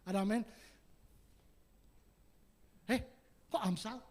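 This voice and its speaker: A male preacher giving a sermon to a congregation, swinging from loud emphatic shouts down to quiet, folksy asides with chuckles. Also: slow. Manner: rises to loud emphatic shouts, then drops low.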